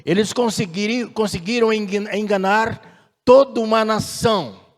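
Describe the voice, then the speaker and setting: A man preaching a sermon as pastor, measured and deliberate, slowing down and swelling in force on key phrases. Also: sits high, in a large hall.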